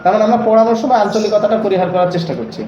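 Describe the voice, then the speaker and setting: High-voiced man coaching teachers in an echoey room. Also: rapid-fire, dark tone. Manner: coaxing, keeps asking for agreement. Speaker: teacher trainer. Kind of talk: training session lecture. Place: training room. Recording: echoey room, dull lo-fi, noisy.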